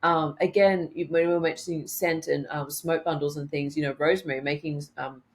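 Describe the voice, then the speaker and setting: Deep-voiced woman guest, a naturopath, loose conversational delivery with frequent fillers. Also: steady tone, fairly quick. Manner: warm, rambling, lots of ums and affirmations. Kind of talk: casual interview chat.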